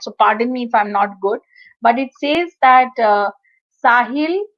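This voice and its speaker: A woman with an Indian accent giving an earnest, encouraging psychology presentation to students over an online call, mixing English with Hindi. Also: on the high side. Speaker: psychology lecturer. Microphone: video call. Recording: muffled online call audio.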